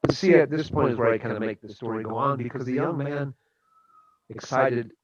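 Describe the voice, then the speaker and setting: Man, radio guest, earnest storyteller, medium pitch, slightly dull lo-fi sound. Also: fairly even intonation, brisk, noisy background. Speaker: guest speaker. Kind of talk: storytelling and motivational talk.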